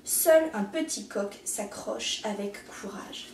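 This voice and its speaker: A woman teacher reading a picture book aloud in an expressive, gentle storytelling manner, in an echoey room. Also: mid-range voice, takes it slowly, far from the mic, a little hiss or hum.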